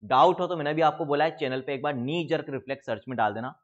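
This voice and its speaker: Talking a little fast in a voice on the high side, a biology teacher with an Indian accent preps students for exams, addressing them as kids. He blends English terms into his Hindi, breaks down every step, and answers the questions he puts to the class. The audio sounds dull.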